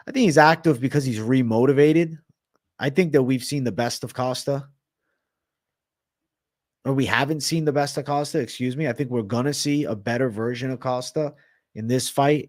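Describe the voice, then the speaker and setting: A man's voice: mid-range voice, dry recording, studio quality. A man hosting a casual livestream Q&A, reading viewer comments and talking bluntly with some swearing. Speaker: livestream host.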